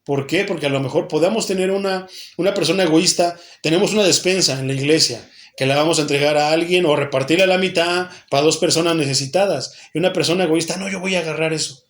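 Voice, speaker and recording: A man's voice: a little high, fast talker, hardly any pauses. A Mexican pastor preaching an earnest sermon to his church, asking himself questions and answering them, often repeating and restarting phrases.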